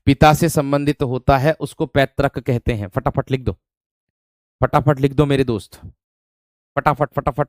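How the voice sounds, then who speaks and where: A man teaching an online spelling class in a smooth, resonant voice. He repeats each word and quizzes his students with rhetorical questions. The recording is dry and close, with no room sound. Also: medium pitch, no echo. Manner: repeats words, asks rhetorical questions, calls listeners "my friend".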